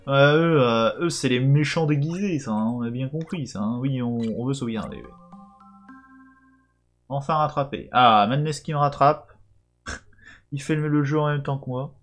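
A man's voice: mid-range voice, normal speed, long pauses, soft background music. A young man streaming a live game, chatting casually with crude jokes. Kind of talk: live let's play commentary.

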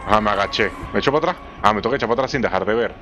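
A young man with a Venezuelan Spanish accent giving excitable let's play commentary on a horror game, swearing often and jumping into squeaky high exclamations. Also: rapid-fire, background noise.

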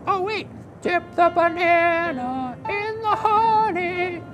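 A man voicing a silly, excitable young friend who keeps mixing up the holidays, in a giddy, high-spirited way. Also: takes it slowly, highs cut off, background noise.

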